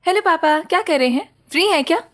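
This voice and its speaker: A woman's voice: extremely high pitch, quick pace. A woman dubbing a drama, playing a stubborn, playful young daughter who coaxes and insists. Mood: coaxing. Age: young adult. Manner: insistent, coaxing, lively. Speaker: daughter about to graduate. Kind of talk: dubbed drama acting.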